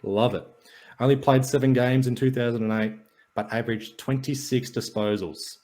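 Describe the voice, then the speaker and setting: Mid-range and steady, with a darkish tone and moderate pace, this man co-hosts a casual podcast. He runs down sports and wrestling stats and match notes in a dry, jokey way.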